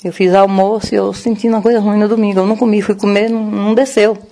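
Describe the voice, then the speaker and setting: Rushed, grieving older Brazilian woman. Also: medium pitch, level tone, warm tone. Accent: Brazilian Portuguese. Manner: rushed, breathless retelling full of quoted dialogue. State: distressed, grieving. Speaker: grieving grandmother interviewed. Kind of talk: emotional first-hand account.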